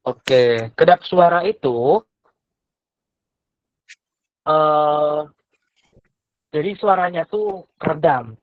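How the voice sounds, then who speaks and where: In this online tutoring session, a young adult woman with a low-sitting voice patiently teaches a child, asking question after question and ending thoughts with "gitu." The recording is muffled, without echo.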